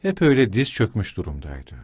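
Man reading a novel aloud; measured, expressive, animated pitch, dry studio sound. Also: slightly rough, dry recording. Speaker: audiobook narrator. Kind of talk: scripted narration.

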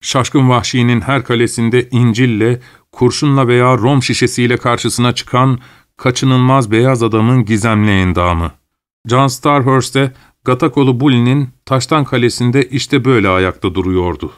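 A man giving a steady, measured scripted narration of a story. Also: medium pitch, clean tone.

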